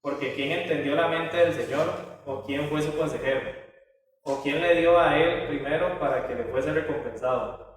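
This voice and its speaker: A man's voice: a little high, moderate pace. A man teaching a Bible study lesson in a conversational way, with many filler tags and restarts. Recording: echoey hall from far off.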